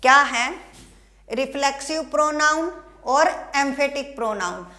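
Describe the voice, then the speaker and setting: Haryana Indian woman teacher, bright high voice, unhurried, quizzes the class. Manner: asks students questions and answers them herself, stresses key words. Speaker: English teacher. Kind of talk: classroom grammar lesson.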